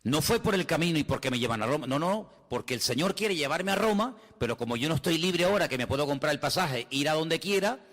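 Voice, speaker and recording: A man's voice: a little high, animated, quick pace, few pauses, a bit bright, big-room sound. A male pastor, preaching a sermon in a dramatic manner and acting out the quotes.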